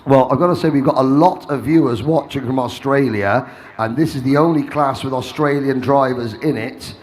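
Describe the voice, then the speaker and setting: A man giving lively live commentary on a kart race, listing drivers and their grid places. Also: medium pitch, slight background noise. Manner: jovial, quick-talking, reeling off driver details.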